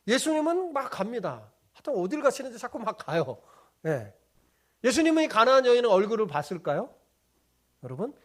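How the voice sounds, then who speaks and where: A high-voiced male pastor preaching with a lively, swooping delivery. He poses question after question to his listeners and answers them himself. He keeps pulling the room along with little checking-in tags. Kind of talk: sermon.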